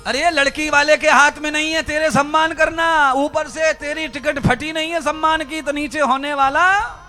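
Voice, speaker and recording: A man's voice: very high-pitched, steady tone, normal speed, bright, forceful tone, soft background music. A man giving a religious sermon, speaking fervently and rhetorically and addressing his listeners directly. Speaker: spiritual preacher. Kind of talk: Hindi religious discourse.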